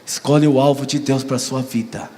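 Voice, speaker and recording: A man from Brazil, a pastor preaching a sermon, animated, acting out dialogue in his stories. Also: fairly quick, slight background noise. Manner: animated, acts out dialogue with rising pitch. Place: church hall. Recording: long church hall reverb.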